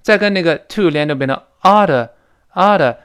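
Lively male English teacher drilling pronunciation. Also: clean tone. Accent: Mandarin Chinese. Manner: repeats words slowly, often drawn out, to demonstrate; lively, frequent pitch jumps for emphasis. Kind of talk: spoken English lesson explaining pronunciation.

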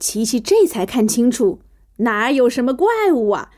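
A woman narrating a children's bedtime story with an animated, playful, expressive delivery. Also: a little high, moderate pace.

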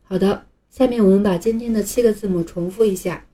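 Patient woman teaching in a dark voice. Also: medium pitch. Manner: patient, clear explanations with drawn-out example sounds. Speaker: English teacher. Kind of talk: recorded lesson for beginners.

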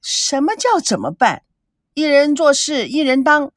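Lady reading as a bossy young rich girl, high and sharp, dry close sound, scolding hard. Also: sing-song, a little slow, no echo. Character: spoiled angry young rich woman interrogating. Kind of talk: audiobook character reading.

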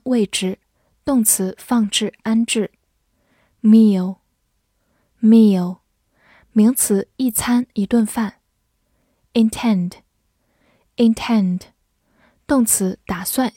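A woman's voice: medium pitch, dark tone, dry recording, studio quality. A woman teaching English vocabulary, saying each word twice and then giving its meanings, in scripted lesson narration.

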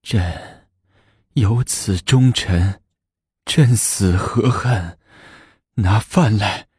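An aged empress, weak from illness yet imperious, as a man voices her. The words come slow, faint and drawn out in a low register. The recording is dry and close. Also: a little mellow, breathy edge, no echo, heavily acted. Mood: weary.

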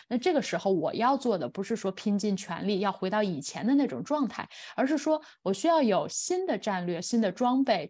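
A woman in her thirties speaks in a medium-pitched voice as a podcast host. Her talk is personal and reflective. She is measured and thoughtful, pausing hesitantly as she puts her ideas together. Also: a little mellow.

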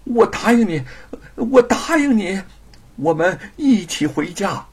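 Man doing a young wife, high and husky, earnest, pleading, storybook reading. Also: very animated, slow pace, darkish tone, full character voice. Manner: pleading and emotional.

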